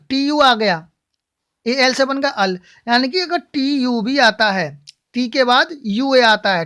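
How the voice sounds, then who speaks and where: A woman, her voice sitting a little high, teaching English pronunciation to a class. She keeps asking the class a question and then answering it herself. She spells each word out letter by letter as she goes. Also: a bit bright. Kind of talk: classroom-style lesson.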